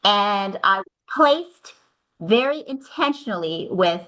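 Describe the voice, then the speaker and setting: A woman in her forties from Canada, an assistant principal and podcast guest, telling her story in an excited, gushing way. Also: medium pitch, takes it slowly. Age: 40s. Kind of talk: interview storytelling.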